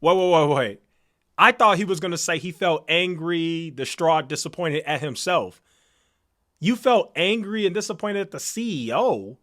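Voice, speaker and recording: A man with a high voice ranting through reaction commentary. He scolds hard, and his voice keeps climbing into angry outbursts. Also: animated, moderate pace. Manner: angry, scolding, escalating to shouting.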